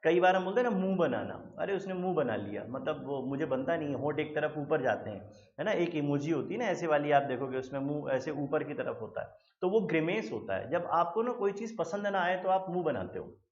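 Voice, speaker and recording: A man's voice: on the high side, expressive, a little fast. A man teaching English vocabulary, mixing Hindi and English, explaining each word with everyday examples and repeating it back to the listener. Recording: roomy, slightly dull lo-fi sound.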